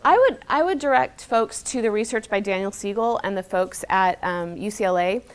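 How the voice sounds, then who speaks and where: Woman expert doing q&a, earnest, medium pitch, leans on key words and rewords stuff as she goes. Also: lively intonation, moderate pace, clean tone. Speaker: expert guest, mental health specialist. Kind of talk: answering audience questions at a talk.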